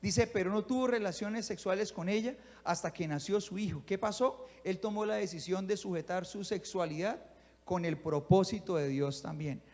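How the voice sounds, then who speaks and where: A man's voice: high voice, normal speed, big-room sound. A male pastor, preaching a sermon that he livens up with acted-out scenes, often asking his listeners whether they follow him. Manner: animated, acts out little scenes and asks the congregation if they follow.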